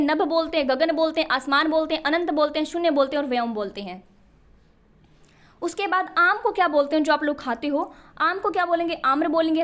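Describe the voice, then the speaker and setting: A woman's voice: high voice, fairly bright tone. A woman teaching an exam-prep Hindi lesson, explaining patiently and often checking in with the students.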